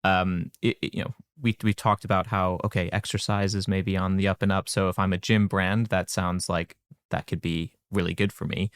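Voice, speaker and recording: A man hosting a podcast, asking questions in a relaxed, conversational way with some restarts. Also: low-pitched, normal speed, smooth, no room sound. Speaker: podcast host. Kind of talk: casual podcast interview.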